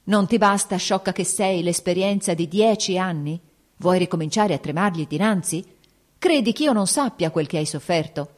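A woman reading the part of a furious older nobleman father who shouts scornful rebukes in an audiobook. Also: fairly low pitch, normal speed, natural voice. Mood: angry.

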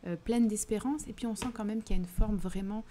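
A woman with a southern French accent hosts a live literary stream, discussing a book and reading questions from the chat. Her mid-range, mellow voice moves fairly quickly, yet she speaks thoughtfully, hesitating and restarting often. There's slight background noise.

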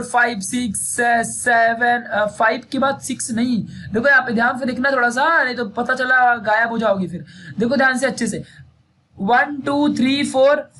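A man's voice: extremely high pitch, pushed and bright, a little hiss or hum. A man teaching a casual syllabus walkthrough, chatty and repetitive, speaking. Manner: chatty, repeats "theek hai" often.

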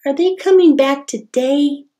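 A woman's voice: high voice, unhurried, dark tone, pitched above the performer's own voice. A woman voicing an eager young girl who is about to become a big sister. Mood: asking.

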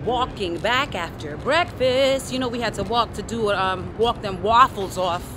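A woman's voice: mid-range voice, unhurried, noisy background. A woman in her thirties casually narrating a family vlog and talking playfully to her baby and kids, recorded on a handheld camera. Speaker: vlogger and mother. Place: hotel room, lobby and city streets.

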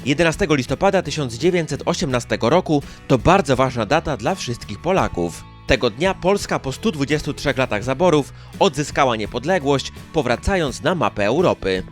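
A man's voice: medium pitch, lively intonation, a little fast, few pauses. A man reading scripted news narration as the narrator of a local news chronicle. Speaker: newsreel narrator. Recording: music under the voice. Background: background music.

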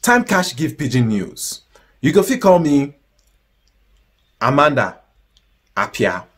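A man in his thirties with a Ghanaian accent presenting mock-serious, deadpan comic news commentary in Pidgin. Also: mid-range voice, slow pace, husky.

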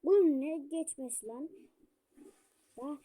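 A young woman chatting while playing a game with a friend, bossy, teasing and excitable, full of slang. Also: sits high, unhurried. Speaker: gamer. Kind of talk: casual gaming banter.

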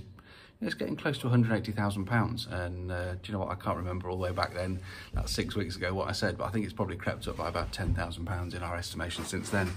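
A property investor films a casual walkthrough of an empty house, holding his phone at arm's length and talking with lots of fillers and restarts. His voice is low, and there's a little hiss or hum in the recording.

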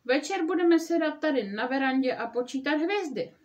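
A woman's voice: high voice, expressive. A woman voicing an eager, cheerful male frog from a children's storybook, calling and coaxing his sleepy friend.

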